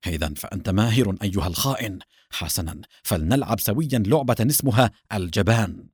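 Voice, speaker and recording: A fearless captain with a steady, self-assured delivery that turns playful when he has the upper hand, as a man reading a storybook puts him on. His voice swings widely in pitch and carries a husky grain, recorded dry and close. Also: a little fast, no room sound. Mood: confident. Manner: firm and confident, teasing. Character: bold, cool-headed male captain hero.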